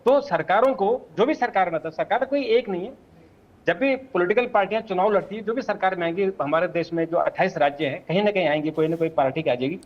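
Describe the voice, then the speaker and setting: A man's voice: sits high, quick pace, highs cut off. A man speaking as a panel guest in a political debate, insistent and talking over others.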